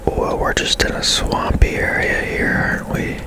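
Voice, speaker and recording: Whispering softly and breathily, this host narrates gameplay ASMR-style, taking an unhurried, gentle pace broken by pauses.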